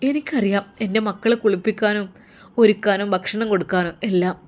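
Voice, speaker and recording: A woman voicing a worried young father who speaks softly and tearfully, with a Malabar Malayalam accent. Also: medium pitch, fairly even intonation, a little fast, close to an everyday voice. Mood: sorrowful. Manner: hushed, tearful, pleading. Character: worried young widowed-like father, soft-spoken man. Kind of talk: storytelling role voice.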